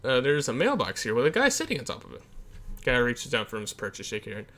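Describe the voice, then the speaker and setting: A man's voice: medium pitch, huge pitch swings, fast, a bit bright. Playful man narrating a game. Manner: playful, easily amused. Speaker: let's-play gamer. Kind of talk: casual gameplay commentary, reading game text aloud.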